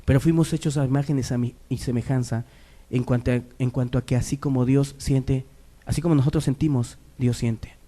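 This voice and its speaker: A man preaching a sermon, moving between quiet, low asides and loud, raised exhortation. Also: steady tone, fairly quick.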